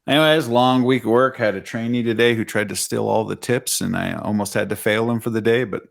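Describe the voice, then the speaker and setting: Wry male podcast co-host; low, gravelly voice. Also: fairly even intonation, fairly quick. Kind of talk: casual gaming podcast chat.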